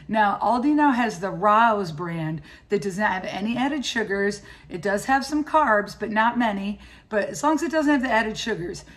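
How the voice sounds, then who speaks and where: A woman in her fifties, a cooking vlogger, chatting enthusiastically to the camera as she gives practical grocery and recipe tips. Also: mid-range voice. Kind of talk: casual shopping and cooking walkthrough. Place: indoors at home and in a grocery store.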